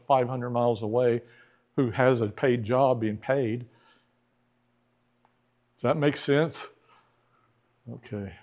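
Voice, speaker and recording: In a church classroom, a middle-aged man teaches church history in a conversational manner, throwing questions at the class and acting out the people he cites. His voice is medium-pitched with a darkish tone.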